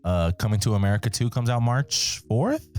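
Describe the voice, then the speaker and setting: A man's voice: medium pitch, expressive, fairly quick, darkish tone, soft background music. A young man hosting a casual podcast chat, laughing often and swearing freely in a loose, joking way. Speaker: podcast host.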